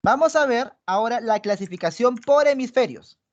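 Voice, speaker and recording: A woman's voice: fairly high pitch, expressive, normal speed, darkish tone. A woman with a Peruvian Spanish accent teaching a pre-university psychology class online, explaining step by step and checking in with her students after nearly every point. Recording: dull lo-fi online class audio.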